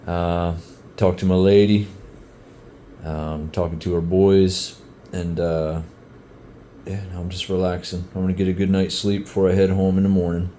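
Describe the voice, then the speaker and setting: Walking a trail outdoors, a middle-aged hiker and vlogger, out of breath, talks casually about his hike with many fillers and a laid-back air. His low-pitched voice has a dark tone and barely moves in pitch, at normal speed. Slight background noise is present.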